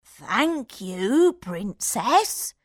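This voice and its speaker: A greedy, cunning old magician voiced by a woman reading a storybook creeps through his lines in a strained, wavering voice. He wheedles and drags each word out slowly. The sound is dry and close, with no room around it. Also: fairly high pitch, big pitch swings, dry recording, exaggerated voice. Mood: sly. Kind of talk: storybook read-aloud.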